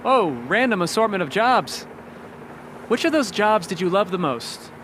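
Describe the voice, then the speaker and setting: Guy interviewer, high voice, bouncy, rapid-fire questions. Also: lively intonation, fairly bright tone, a little hiss or hum.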